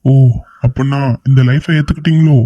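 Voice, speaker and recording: A young man voicing excitable young men in a homemade cartoon, loud and teasing. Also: mid-range voice, a little fast, no room sound, lo-fi sound, close to an everyday voice. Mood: relieved chatter. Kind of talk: amateur cartoon voice acting.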